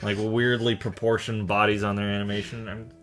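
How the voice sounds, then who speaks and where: A young man co-hosting a comedy podcast, giving quick wry commentary and steering the conversation. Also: on the low side, level tone, fairly bright tone. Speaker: podcast co-host. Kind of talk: casual comedic banter.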